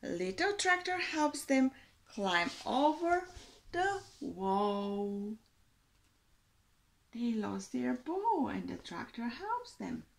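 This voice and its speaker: Slow, lilting woman reading to children. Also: on the high side, creaky. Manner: slow, expressive storytime reading with a sing-song lilt. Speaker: teacher. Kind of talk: reading a picture book aloud to young children. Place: small room indoors.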